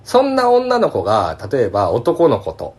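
A man in his thirties with a Kansai accent, telling stories in a casual podcast chat, animated and laughing often. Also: medium pitch, moderate pace. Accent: Kansai Japanese. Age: 30s. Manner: animated storyteller, laughs often, acts out coworkers' voices. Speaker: podcast co-host.

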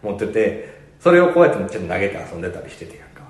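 Lively Kansai man telling stories. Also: fairly low pitch, racing, echoey room. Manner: storytelling, animated, laughs often. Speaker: podcast co-host. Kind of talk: casual chat.

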